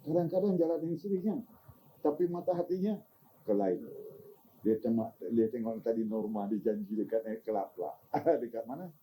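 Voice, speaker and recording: An older man giving an informal religious talk, animated and teasing, often asking his listeners questions. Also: medium pitch, moderate pace, slight background noise, rough recording. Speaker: religious teacher.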